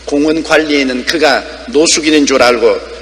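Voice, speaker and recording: Older pastor, bright high-ish voice, big reverb in a church hall. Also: male voice, normal speed. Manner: emphatic preaching with sweeping pitch swings. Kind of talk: sermon. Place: church sanctuary.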